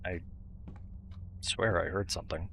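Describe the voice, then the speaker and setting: A man's voice: low-pitched, a little slow, creaky, fairly bright tone, slight background noise. A man giving casual horror game commentary, muttering asides to himself as he plays. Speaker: video game streamer.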